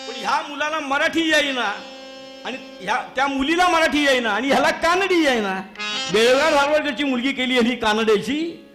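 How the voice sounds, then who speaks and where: High-pitched guy doing a funny kirtan sermon in a temple, chatty with the crowd, faint music behind. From Maharashtra, India. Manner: lively storyteller who addresses the audience directly and chuckles at his own jokes. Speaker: kirtan preacher. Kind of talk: humorous storytelling sermon. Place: temple hall, performing live before listeners.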